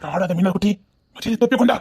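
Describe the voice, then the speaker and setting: A woman with a Tirunelveli Tamil accent playing a hesitant, stammering character in a web drama, pleading gently. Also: mid-range voice, quick pace, music in the background, close to an everyday voice.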